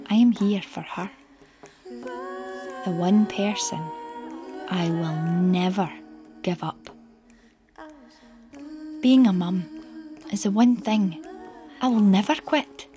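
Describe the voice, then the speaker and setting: Woman softly reciting spoken-word poetry. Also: medium pitch. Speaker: poet.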